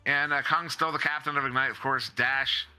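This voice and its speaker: A man's voice: medium pitch, fairly even intonation, normal speed, pushed and bright, clear, resonant tone, soft background music. A man doing live play-by-play esports commentary, chatty and joking, with lots of fillers.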